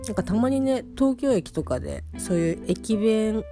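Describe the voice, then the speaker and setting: A woman's voice: a little high, expressive, normal speed, mellow. A woman chatting casually and sleepily in a rambling audio diary, talking while lying down. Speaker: host of a personal audio diary. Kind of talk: casual monologue diary chat. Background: plucked guitar music.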